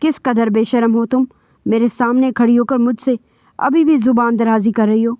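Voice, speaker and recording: A woman voicing a furious, vengeful young husband who shouts bitter threats, in a dull, dry recording. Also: fairly high pitch, steady tone, dry recording, natural voice. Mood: shouting.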